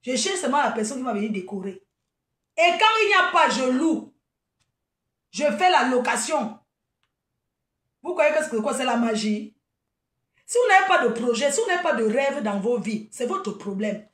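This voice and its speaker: Combative high-voiced woman, echoey room. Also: sing-song, moderate pace, long pauses, a bit bright, far from the mic. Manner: combative, mocking, laughing. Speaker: event promoter. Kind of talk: live video rant.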